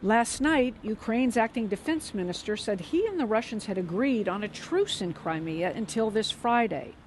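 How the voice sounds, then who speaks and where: A woman correspondent reading a scripted news report in a measured, even way. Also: mid-range voice, a little hiss or hum. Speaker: foreign affairs correspondent.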